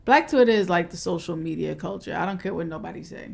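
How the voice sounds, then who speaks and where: A woman's voice: fairly low pitch, quick pace, gravelly, darkish tone. A woman talking casually as a podcast host. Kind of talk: casual conversation.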